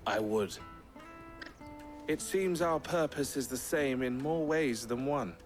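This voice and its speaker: A man playing a calm, friendly underworld trader in a video game, speaking in a measured way. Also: medium pitch, soft background music, natural voice. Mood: calm, sincere. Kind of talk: video game drama acting.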